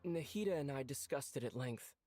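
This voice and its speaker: A woman's voice: extremely low pitch, expressive, fairly quick, mellow, faint music behind. A woman voicing a cautious, concerned young traveler in a fantasy video game, questioning and considerate. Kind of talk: video game story dialogue.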